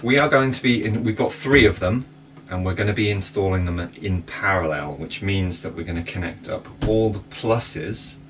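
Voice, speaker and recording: A man in his thirties with a very deep voice talks through technical kit in a relaxed, practical way. He sits in a boat cabin, recorded from across the table by a wide camera. The sound is distant, with a clear layer of background noise. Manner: relaxed, practical, explains step by step. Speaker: sailing vlog host. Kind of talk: casual explainer. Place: inside a sailboat cabin.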